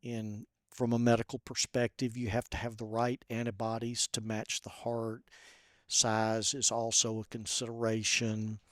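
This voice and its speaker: A man, a podcast guest, telling a personal story in a soft, halting way with many pauses and fillers. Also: medium pitch, completely flat delivery, dry recording, studio quality.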